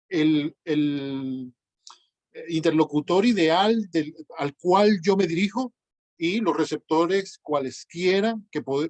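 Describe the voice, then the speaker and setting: A man's voice: fairly high pitch, darkish tone, no echo. A man lecturing his class over a video call, explaining step by step with many fillers and self-corrections. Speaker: teacher.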